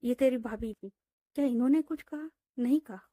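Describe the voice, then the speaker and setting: A woman's voice: a little high, normal speed, warm tone, no room sound, natural voice. A woman playing a caring, protective young woman. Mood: reassuring. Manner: comforting, coaxing with tag questions.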